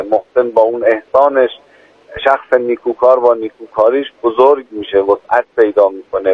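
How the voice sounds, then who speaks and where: A male cleric explaining religious teachings in a measured way as a radio guest. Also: medium pitch, no room sound. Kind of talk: religious talk. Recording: tinny phone line.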